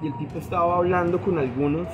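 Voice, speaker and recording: A man's voice: high-pitched, steady tone, fast, dull audio, over music. A man with a Colombian accent sharing a personal testimony outdoors, talking earnestly and confessionally to the camera. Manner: earnest, confessional, addresses viewers directly. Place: outdoors in the wind. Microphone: camera set up in front of him.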